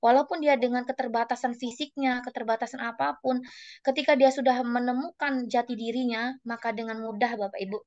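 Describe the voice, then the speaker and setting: Indonesian woman teacher, high lively voice, dull dry call audio; webinar speaker acting out pupils. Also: brisk, dry recording. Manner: lively, acts out classroom dialogue. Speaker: teacher sharing classroom experience. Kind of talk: webinar talk.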